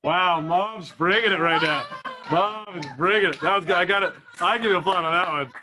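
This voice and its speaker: A male comedian working a small live room, his voice pitched high and ringing bright. He tells a self-deprecating story in a lively way and plays out his own thoughts in quoted asides. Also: brisk. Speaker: stand-up comedian. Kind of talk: stand-up comedy set.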